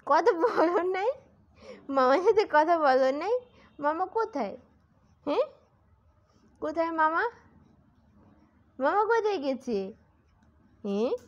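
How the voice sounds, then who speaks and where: A woman's voice: very high-pitched, sing-song, unhurried, pauses often, lo-fi sound. A woman talking baby talk to her infant in a coaxing voice. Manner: coaxing, sing-song questions. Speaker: mother.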